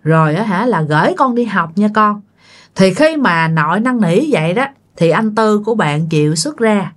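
A woman's voice: medium pitch, lively intonation, normal speed. A woman, telling a ghost story in a chatty way and speaking directly to her listeners.

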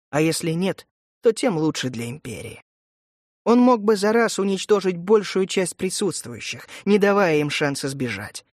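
Man narrating an audiobook, fairly high voice. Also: no echo, clean studio sound.

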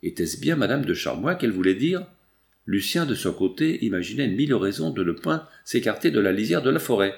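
A man narrating a nineteenth-century novel as an audiobook, in a measured, expressive reading. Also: lowish voice, vocal fry.

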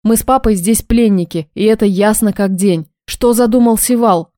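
A woman's voice: mid-range voice, normal speed, mellow, no room sound. A woman reading a first-person novel as an audiobook narrator, telling it expressively.

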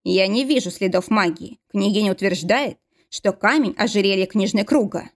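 Woman reading a calm court mage. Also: mid-range voice, normal speed, natural voice. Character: composed male court mage and adviser.

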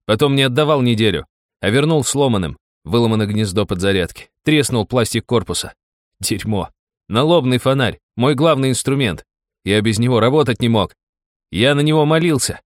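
A man voicing a bloodied young man who shouts in reckless, mocking defiance. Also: medium pitch, dry recording, clean studio sound, pitched above the performer's own voice, close to an everyday voice.

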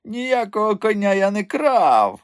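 A man's voice: a little high, wildly swooping pitch, unhurried, no room sound, studio quality, voice pushed up. A man voicing a sly, one-eyed, experienced horse thief who protests his innocence in a raised voice. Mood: wheedling.

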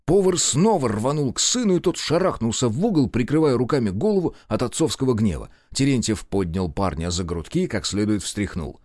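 A man narrating an audiobook in an expressive storytelling manner, voicing all the characters. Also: mid-range voice, fairly quick, few pauses, no echo, studio quality. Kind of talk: scripted narration.

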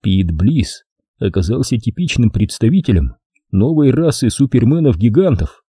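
Dark-voiced male audiobook narrator. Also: medium pitch, normal speed, slightly rough, dry recording, clean studio sound. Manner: expressive reading. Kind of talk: scripted narration.

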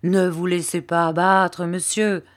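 A woman's voice: lowish voice, level tone, a little slow, close to an everyday voice. A woman reading a fussy, nosy, motherly landlady in an audiobook, sentimental and insistent, repeating herself. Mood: coaxing.

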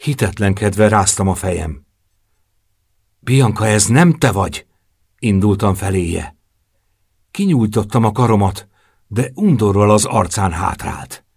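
Low, husky male audiobook narrator. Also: lively intonation, pauses often, darkish tone, no room sound, studio quality. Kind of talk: first-person audiobook narration.

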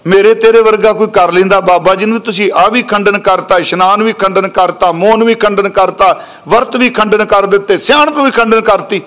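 High-voiced Punjabi preacher chanting verses. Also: male voice, fairly bright tone. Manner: slows to a drawn-out chant when reciting verses, then explains briskly; addresses listeners respectfully, correcting pronunciation. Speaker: Sikh preacher giving scripture exposition. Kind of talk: sermon with chanted scripture recitation.

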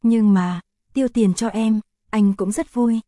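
A woman voicing a patient, caring young man in an audio story, spoken calmly and gently. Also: fairly high pitch, measured pace, dry recording, studio quality, close to an everyday voice. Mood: gentle.

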